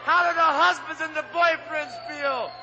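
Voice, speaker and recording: A man's voice: very high-pitched, fairly even intonation, normal speed, noisy background. A man giving a boastful, taunting wrestling promo built on rhetorical questions. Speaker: pro wrestler. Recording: dull lo-fi arena audio, crowd behind.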